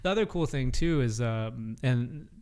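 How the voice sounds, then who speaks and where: A man's voice: mid-range voice, animated, unhurried, darkish tone, clean tone. Rambling podcast co-host, man. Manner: rambling, many fillers and "right?" tags. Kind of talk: casual chat.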